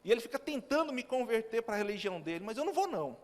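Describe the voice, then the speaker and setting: High-voiced pastor preaching in a church. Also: male voice, very animated, rapid-fire. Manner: storytelling, with quoted dialogue. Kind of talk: sermon. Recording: long reverb of a church hall.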